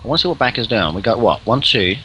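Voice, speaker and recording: A man casting a live video game match, getting excited at big plays. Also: medium pitch, quick pace, breathy edge. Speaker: esports caster.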